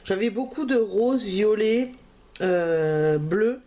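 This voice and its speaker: A woman's voice: mid-range voice, expressive, slow, dark tone. A woman crafting vlogger, talking in a casual, hesitant way with many fillers as she shows her purchases. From France. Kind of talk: casual haul video.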